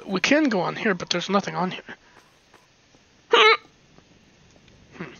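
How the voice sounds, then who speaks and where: A gameplay commentator, suffering from hiccups, gives casual let's-play talk while exploring, giggling and muttering quiet asides. The mid-range voice is animated, a little fast, and a bit bright, with vocal fry and a breathy edge. The recording sounds slightly dull and lo-fi.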